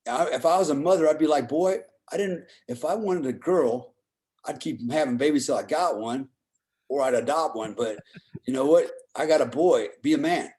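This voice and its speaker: A middle-aged man with a medium-pitched, slightly mellow voice tells stories and shares opinions in a casual, blunt, profane way. He keeps checking for agreement with "right?" and "you know."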